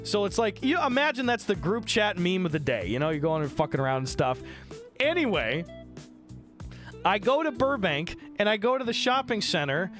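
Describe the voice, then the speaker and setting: A man live-streaming from home, telling a wild story in an excitable, profane rush and tossing in quick voices for other people. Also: high-pitched, faint music behind.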